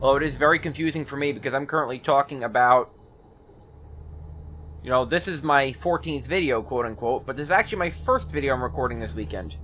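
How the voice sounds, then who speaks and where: A man's voice: medium pitch, quick pace, a bit bright, a little hiss or hum. A man casually commentating his own gameplay in a jokey, punning, chatty way. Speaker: gaming video host. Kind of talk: casual let's play commentary.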